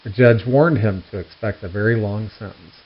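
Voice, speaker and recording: A man's voice: fairly low pitch, normal speed. A man reading out puns and telling dad jokes, setting each one up and then giving the punchline. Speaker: host of a joke newsletter read aloud. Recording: dull, lo-fi sound.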